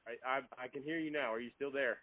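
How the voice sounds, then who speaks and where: A man making a phone call, polite and halting, often repeating his words. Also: medium pitch. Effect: heard over a phone line. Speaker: prank caller. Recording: thin, dry phone line.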